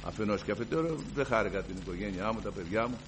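A man giving a fervent personal testimony to a congregation, moving from hushed storytelling to loud declarations. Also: on the low side, expressive, noisy background. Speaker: church member giving testimony.

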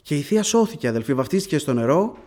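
High-voiced man preaching a sermon. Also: sing-song. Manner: addresses the congregation as brothers, builds to fervent loud prayer. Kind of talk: sermon with personal testimony.

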